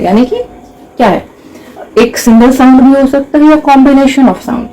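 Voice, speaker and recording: Young female grammar tutor, warm low-toned voice, patient step-by-step explanations in a Hindi-English mix. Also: a little hiss or hum, poor audio. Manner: explains step by step, asks rhetorical questions. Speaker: English teacher.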